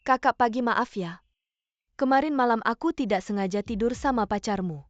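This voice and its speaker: A young actress dubbing a spiteful, gloating half-sister in a short drama, taunting and scornful. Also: female voice, on the high side, normal speed, no echo, lo-fi sound, lightly acted. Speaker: dub actress.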